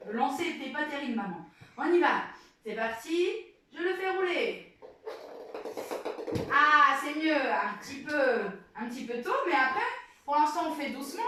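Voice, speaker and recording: A woman's voice: sits high, pushed and bright. A mother demonstrating play games at home, encouraging and coaching her child as she explains to viewers. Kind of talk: casual how-to demonstration for viewers. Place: home indoors, small space. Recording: very echoey room, distant mic, faint noise.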